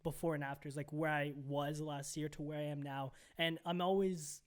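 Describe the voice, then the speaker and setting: Animated young man telling a story. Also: a little high, normal speed, clear, resonant tone. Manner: animated storyteller, heavy on "like" and "bro". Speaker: podcast co-host. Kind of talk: casual chat.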